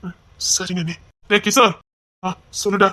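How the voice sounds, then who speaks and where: An actor playing an emotional young brother-in-law, speaking with a Tirunelveli accent in a tearful, stammering, affectionate way. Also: male voice, high-pitched, little pitch movement, moderate pace, bright, forceful tone. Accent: Tirunelveli Tamil. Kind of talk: web series acting.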